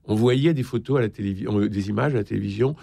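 Gravelly-voiced male interviewer. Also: fairly low pitch, mellow, dry recording, studio quality. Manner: reads passages with measured delivery. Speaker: interviewer, host. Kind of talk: interview, reading excerpts aloud.

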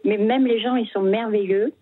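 An older Frenchwoman calling in to a radio show, talking haltingly with frequent restarts as she shares her memories. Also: mid-range voice, steady tone, breathy edge, dry recording. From France. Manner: hesitant, halting, many restarts. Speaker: radio caller. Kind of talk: phone-in testimony. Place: her home. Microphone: telephone. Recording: phone line.

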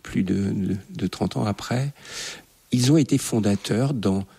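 A man's voice: lowish voice, a little slow, gravelly, warm tone, breathy edge. A man interviewing a guest, asking probing, empathetic questions.

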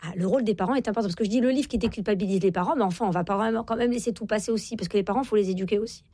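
A woman's voice: mid-range voice, very fast, warm tone, no echo. A woman in her forties, a guest author on a radio interview, talking with many fillers and restarts. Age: 40s.

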